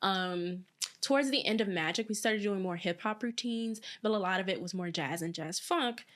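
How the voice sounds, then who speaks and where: A woman's voice: medium pitch, moderate pace. A young woman in her twenties, a former pro dancer, chatting casually as an interview guest and acting out what others said. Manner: chatty, animated, acts out quotes.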